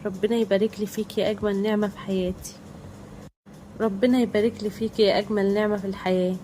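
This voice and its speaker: A woman's voice: medium pitch, level tone, quick pace, warm tone, slight background noise, lightly acted, rough recording. A woman playing a devout, tender-hearted young wife in an Egyptian accent, speaking in an emotional, pleading way.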